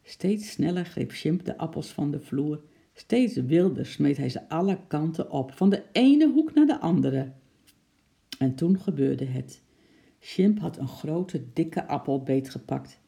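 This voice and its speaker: Gravelly, dark-voiced man reading a children's story. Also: fairly high pitch, unhurried. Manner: lively, acts out sound effects.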